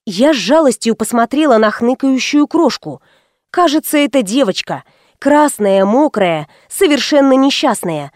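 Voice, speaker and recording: A woman narrating an audiobook in the first person, wry and expressive. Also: high voice, moderate pace, dry recording, studio quality.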